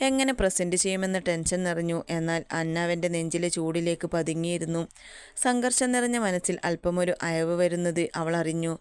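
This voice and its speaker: A woman narrating a romance story in a steady, even reading voice. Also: on the low side, clean tone, no room sound.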